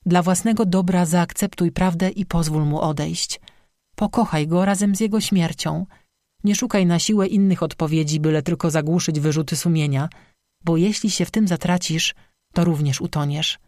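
A narrator voicing a stern, gentle old woman shaman who speaks calmly and gravely, in audiobook dialogue. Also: lowish voice, normal speed, no room sound, studio quality, lightly acted. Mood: stern, sad. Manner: calm, grave, motherly admonishing.

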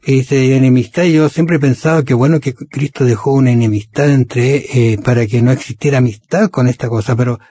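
A man's voice: medium pitch, steady tone, brisk, few pauses, warm tone, husky, dry recording. A man hosting a religious radio program, talking casually and often adding rhetorical tag questions.

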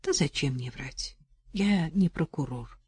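A woman voicing a level-headed young man who talks calmly and reassuringly, a little weary. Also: sits low, a little slow, breathy edge, no echo, heavily acted. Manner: calm, reassuring, a bit weary.

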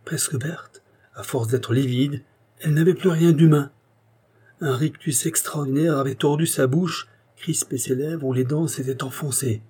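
Male narrator with a husky, dark voice for an intense, anguished first-person tale. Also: on the high side, moderate pace. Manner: intense, swells to anguished outbursts. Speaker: audiobook reader. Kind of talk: dramatic story reading.

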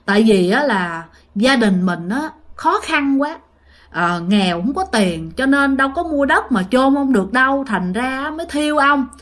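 A woman's voice: high-pitched, animated, a little slow, fairly bright tone. Lady playing a scared widow pleading with a ghost, sorry and begging. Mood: fearful pleading. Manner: pleading, apologetic. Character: frightened poor widow begging her husband's ghost.

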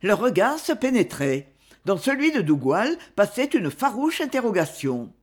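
An audiobook reader narrating a novel in a measured, expressive way. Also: medium pitch.

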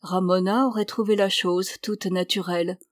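A woman reading a novel aloud as an audiobook in a measured, even storytelling manner. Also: mid-range voice, dry recording, studio quality. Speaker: audiobook reader.

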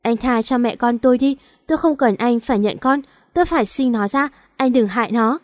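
A woman's voice: fairly high pitch, brisk, darkish tone, no room sound, clean studio sound, natural voice. A woman voicing a stubborn, frightened young pregnant wife who speaks defiantly and tearfully, in a storybook reading.

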